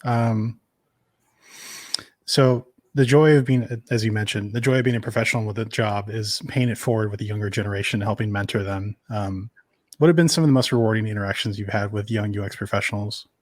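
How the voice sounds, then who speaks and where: A man hosting a podcast interview, asking relaxed, long framed questions. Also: on the low side, a little fast, no echo. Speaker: podcast host. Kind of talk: casual interview.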